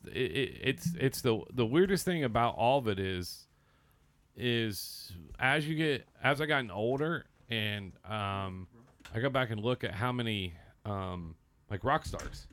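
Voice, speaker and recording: A middle-aged man with a mid-pitched voice hosts a casual podcast. He rambles through anecdotes and slips into acted-out dialogue. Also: expressive, measured pace, a bit bright. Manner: rambling storyteller who acts out quoted dialogue. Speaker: podcast host. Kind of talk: casual chat.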